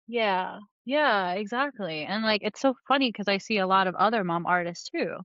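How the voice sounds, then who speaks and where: A woman's voice: medium pitch, expressive, normal speed, a bit bright, dry recording, lo-fi sound. A woman in her thirties, from New Jersey, sharing her life story on a podcast, talking loosely with many fillers. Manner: rambling with many fillers and laughs. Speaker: podcast guest, comic book artist. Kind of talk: casual conversational interview.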